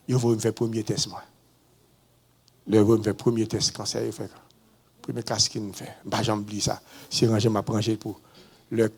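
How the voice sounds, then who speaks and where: A man with a Haitian accent, a pastor giving a testimony in a sermon, swinging between low murmurs and sudden high shouts. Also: breathy edge.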